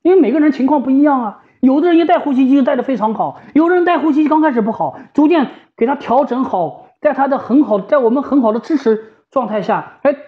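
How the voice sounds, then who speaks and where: This woman talks fast, with few pauses, in a high-pitched voice full of lively intonation. As a home ventilator specialist and shop worker, she offers a casual expert explanation, repeating phrases to drive points home, and the sound is slightly dull and lo-fi.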